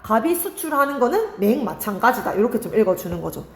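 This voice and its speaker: Young woman teacher quizzing students n answering herself, animated, roomy echo. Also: fairly high pitch, quick pace. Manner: asks the class questions and answers them herself. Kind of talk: online exam-prep lecture.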